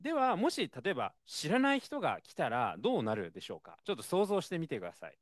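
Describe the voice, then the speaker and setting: A man preaches a sermon in a chatty, expressive manner, sprinkling in fillers. His pitch swings widely and sits a bit high. The recording is dry and close. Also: quick pace, no room sound. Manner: conversational, expressive, frequent fillers.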